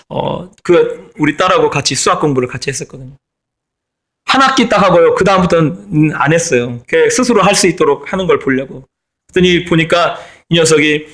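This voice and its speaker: A man's voice: on the high side, fairly bright tone, slightly rough. A middle-aged man preaching a sermon as pastor, stressing and repeating his key phrases.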